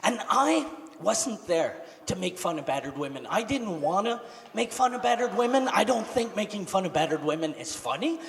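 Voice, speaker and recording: A man performing a crude stand-up comedy set on a large theater stage, talking loudly into a handheld mic, shifting between shouting and low muttered asides. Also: sing-song, normal speed, creaky. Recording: live hall with reverb, audience noise.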